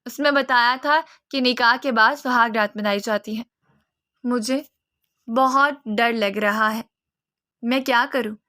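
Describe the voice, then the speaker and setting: A woman's voice: on the high side, fairly even intonation, sharp tone, no room sound, clean studio sound. A woman voicing a tearful, frightened young bride. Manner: tearful, pleading.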